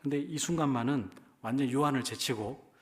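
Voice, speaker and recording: A male pastor with a Jeolla accent delivers a sermon in a church, speaking at an ordinary middle pitch. He talks to the congregation in a conversational way and often turns to them with rhetorical questions. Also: a little fast. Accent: Jeolla Korean. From Jeolla region, Korea.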